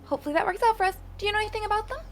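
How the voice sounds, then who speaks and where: A woman voicing a timid, flustered little fairy with halting speech in a tabletop game. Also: very high voice, noisy background, voice pushed up. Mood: hesitant. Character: timid, nervous little fairy, hesitant to promise. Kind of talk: tabletop game role-play.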